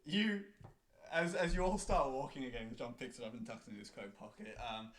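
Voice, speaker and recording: A man narrating as game master of a tabletop role-playing game, slow and halting, with many ums. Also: mid-range voice, steady tone.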